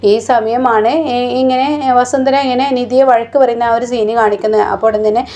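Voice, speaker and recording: Fast-talking woman casually retelling a story. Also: fairly high pitch, flat delivery, a little mellow. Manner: rapid retelling with frequent tag fillers. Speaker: narrator recapping a TV serial. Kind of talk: casual spoken plot recap.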